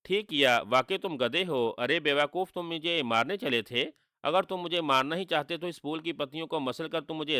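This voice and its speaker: Storybook villain: cruel, boastful male sorcerer, taunting , read by a man, bright and dry. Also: a little high, smooth, no room sound. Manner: gloating, taunting with read-out laughter.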